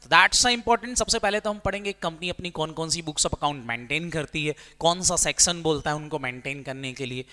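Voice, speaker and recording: A man's voice: a little high, brisk, hardly any pauses, pushed and bright. A male commerce teacher giving a classroom lecture, quizzing students with repeated questions and stretching key words for emphasis. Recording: long reverb.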